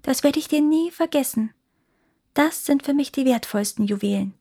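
A woman voicing a kind, gentle female nightingale who speaks softly and tenderly in a fairy tale. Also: high voice, lively intonation, normal speed, pitched above the performer's own voice. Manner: soft, tender, consoling.

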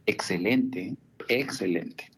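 A man's voice: lowish voice, slow, a bit bright, slight background noise. A man, working as a family counselor and speaking as a guest on a radio talk show. He tells stories in a chatty way, with many asides and tag questions.

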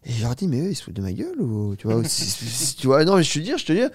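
A man in his twenties, a startup founder and guest, telling a story at length in a casual interview, with lots of fillers and "you see". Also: medium pitch. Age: 20s. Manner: fast, animated, filler-heavy storytelling with many "tu vois".

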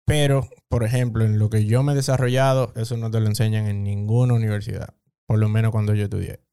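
A man's voice: on the low side, little pitch movement, fast, mellow, smooth, no echo, studio quality. A young man with a Dominican Spanish accent, chatting as a podcast guest and explaining things at length with many restarts. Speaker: podcast guest, hospitality professional. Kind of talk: casual interview talk.

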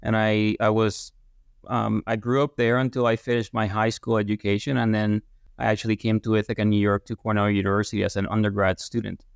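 Low gravelly man from Puerto Rico. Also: no echo, clean studio sound. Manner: relaxed, rambling with restarts. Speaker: guest, veterinary business professor. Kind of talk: casual interview talk.

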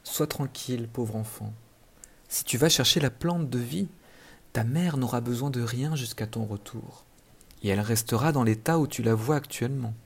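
A man voicing a kind female fairy in a storybook reading, speaking softly and gently. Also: medium pitch, moderate pace, breathy edge. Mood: gentle. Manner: soft, gentle.

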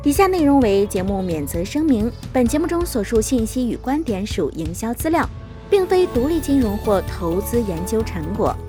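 A woman's voice: fairly high pitch, moderate pace, music in the background. A woman reading a formal podcast outro and legal disclaimer. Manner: formal, even announcing. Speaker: podcast announcer.

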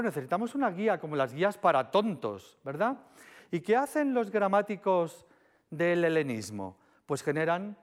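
A man giving a public lecture on Greek philology in a chatty, animated way, talking straight to the audience. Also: on the high side. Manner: animated, chatty, sings short demo syllables.

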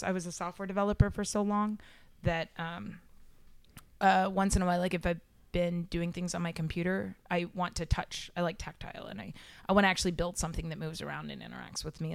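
A woman's voice: on the low side, gravelly, no echo. A woman guest on a podcast, chatting casually and self-deprecatingly with many fillers. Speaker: podcast guest, robotics club founder.

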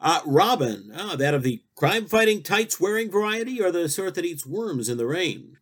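A man hosting a comic talk show, rambling through absurd questions and deadpan jokes. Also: high voice, normal speed.

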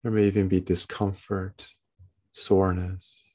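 A man guiding a body-scan meditation as a teacher, in a calm, meditative tone with gentle instructions in short phrases. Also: deep voice, a little slow.

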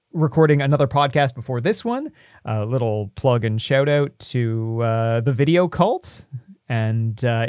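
Low-voiced man chatting on a podcast. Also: a little mellow, no echo, studio quality. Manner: conversational, thinking aloud. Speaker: podcast co-host. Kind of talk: casual podcast talk, pitching a tabletop game character.

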